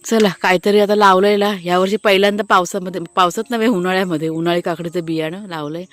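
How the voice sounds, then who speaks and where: A woman's voice: on the low side, steady tone, quick pace, soft background music. Chatty woman vlogging in her garden. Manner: chatty, explains as she shows things. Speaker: family vlogger. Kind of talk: casual vlog walkthrough talking to viewers. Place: outdoors in a home garden.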